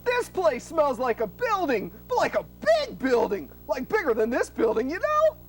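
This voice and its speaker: A woman's voice: sits high, wildly swooping pitch, normal speed, exaggerated voice. A woman playing a naive, scatterbrained but good-hearted male hero in a comedy audio drama, dopey and earnest. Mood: tipsy, rambling.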